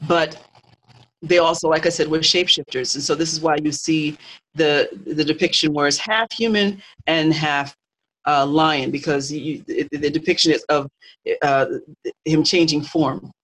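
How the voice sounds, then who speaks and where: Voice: medium pitch, steady tone, moderate pace, a bit bright, low-quality recording. Host explaining spiritual lore at length. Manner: explanatory, with many fillers and restarts. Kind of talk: spiritual teaching talk.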